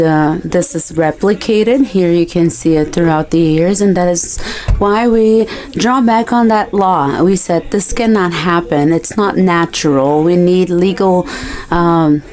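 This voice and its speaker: A woman speaking at a conference in a formal, measured way. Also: fairly low pitch, a little mellow.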